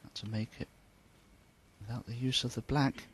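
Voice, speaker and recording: A man giving hushed, measured and understated snooker commentary. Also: mid-range voice, steady tone, a little hiss or hum.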